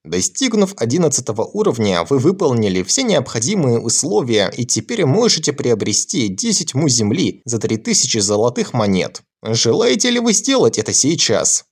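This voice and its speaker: A man voicing the flat, mechanical system voice of a magic farm, reporting its computer processing step by step in an audiobook reading. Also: medium pitch, normal speed, hardly any pauses, husky. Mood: announcing.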